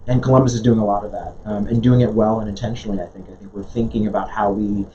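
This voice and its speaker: A man's voice: fairly low pitch, little pitch movement, fast, warm tone. A man born in Jamaica, a guest in an interview, talking earnestly with many restarts and fillers. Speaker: guest, nonprofit leader. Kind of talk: conversational interview. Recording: dull lo-fi sound with faint noise.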